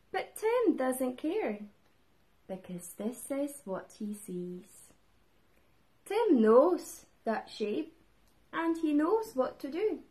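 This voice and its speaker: A woman reading a picture book aloud to young children, lively and expressive, calling out the shouted lines. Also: sits high.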